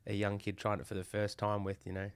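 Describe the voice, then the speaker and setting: A man's voice: fairly low pitch, completely flat delivery, quick pace, clear, resonant tone, dry recording, studio quality. A man chatting as a podcast guest, easygoing and loose, full of "like" and "you know". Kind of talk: casual chat.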